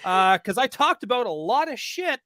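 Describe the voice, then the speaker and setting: A man's voice: extremely high pitch, big pitch swings, normal speed, sharp tone, no echo, clean studio sound. A man hosting a podcast in casual chat, upbeat and laughing often as he reads out names from the chat. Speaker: podcast host.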